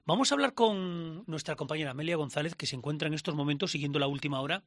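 A man's voice: on the high side, quick pace, fairly bright tone, no room sound. A man presenting live radio news from a studio, delivering with emphasis and the odd filler. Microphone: studio microphone.

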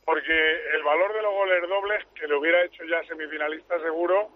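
A man's voice: fairly high pitch, fairly even intonation, fast talker, dry recording. Man calling in on a tinny phone line. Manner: chatty, opinionated analysis. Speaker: commentator calling in. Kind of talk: radio sports talk. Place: car on the road.

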